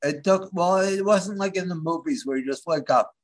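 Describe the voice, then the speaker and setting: A man from the Philadelphia area, whose voice sits high, is a guest in an interview conversation. He speaks haltingly, restarting often as he hunts for words.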